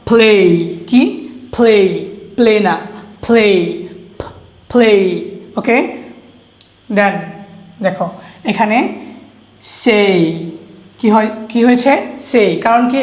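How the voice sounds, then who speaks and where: A woman teaching English pronunciation, repeating each word several times and quizzing her listeners. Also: fairly high pitch. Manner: patient, drawn-out spelling of letters. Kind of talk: classroom-style phonics lesson. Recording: echoey room.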